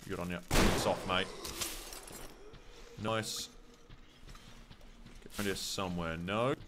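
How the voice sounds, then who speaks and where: A man with an Australian accent giving casual gameplay commentary, muttering to himself, swearing and getting excited. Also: deep voice, slow pace, background noise. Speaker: gamer.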